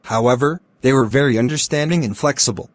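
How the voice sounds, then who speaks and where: A man with a medium-pitched voice answers interview questions as a doctor. His delivery is formal and rehearsed. He words everything carefully, in a measured way. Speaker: doctor candidate in a speaking exam.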